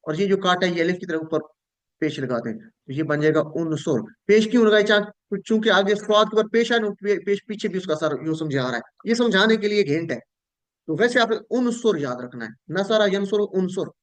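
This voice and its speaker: A man teaching Arabic verb forms in an online class, drilling students in call-and-repeat, with a Pakistani Urdu accent. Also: high-pitched.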